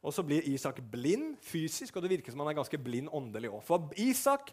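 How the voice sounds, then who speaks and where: A man's voice: fairly high pitch, huge pitch swings. A man preaching a sermon, retelling a story vividly and briefly acting out the figures' lines.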